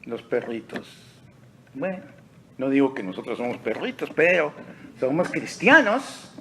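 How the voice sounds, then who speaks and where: A male pastor preaching a sermon in a church sanctuary, slow and deliberate, dropping to near-whispers and rising to emphatic peaks. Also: medium pitch, animated, slight background noise. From Texas.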